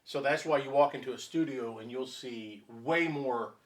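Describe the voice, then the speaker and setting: This co-host, an audio reviewer and speaker designer, explains technical matters conversationally, stressing and repeating his key points. His voice sits in the mid range and he speaks at a normal speed.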